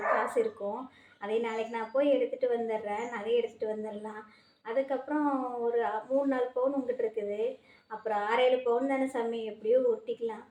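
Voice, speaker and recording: A woman's voice: on the high side, darkish tone, echoey room, lightly acted. A woman playing a poor mother who has lost her savings, pleading and lamenting in a home-made family skit.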